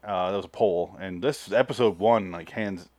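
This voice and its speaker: A man's voice: low-pitched, moderate pace, a little mellow, no room sound. Casual man hosting a podcast, dry sound. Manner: loose, swearing, frequent restarts. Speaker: podcast host. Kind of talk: casual chat.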